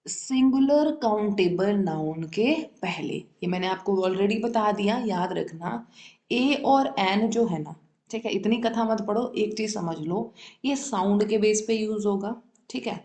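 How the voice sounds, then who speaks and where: A woman's voice: medium pitch, measured pace, mellow. Female tutor with a medium voice, explaining step by step and checking comprehension, recorded in a reverberant room. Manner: checks understanding constantly, repeats key terms. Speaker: English grammar teacher. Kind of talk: classroom-style explanation.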